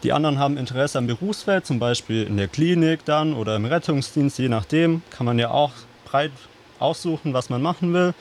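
A young man talking as a guest on a radio show, explaining things in a relaxed, plain way. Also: mid-range voice, brisk, slight background noise. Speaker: guest volunteer. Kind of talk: casual radio chat.

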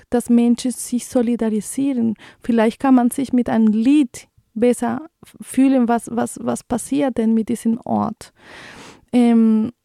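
A Colombian woman of around forty hosts a radio segment in German, her Spanish accent clear as she searches for words and speaks earnestly. Her voice sits fairly high yet stays even and flat in its melody. The sound is dry and close, with no room around it. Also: no echo. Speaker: radio show host. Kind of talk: radio moderation with read news.

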